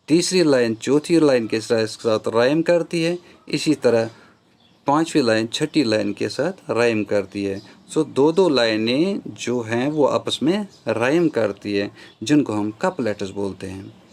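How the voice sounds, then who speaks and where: A male teacher with a Kashmiri accent, explaining a poem's rhyme and meter step by step, slipping into English phrases. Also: mid-range voice. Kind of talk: classroom lecture on a poem.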